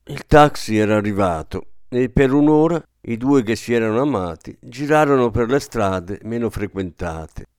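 A man giving calm, measured scripted narration of a literary story as an audiobook narrator. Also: mid-range voice, clear, resonant tone, dry recording, studio quality.

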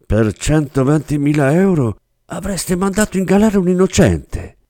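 A man playing an older male smuggler who speaks in a cold, flat tone, in an audiobook reading. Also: fairly low pitch, normal speed, no echo.

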